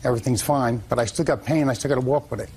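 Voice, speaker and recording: A man in his fifties with a gravelly voice, answering as a litigant in a TV court, plain-spoken, folksy and defensive. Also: medium pitch, racing, background noise. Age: 50s.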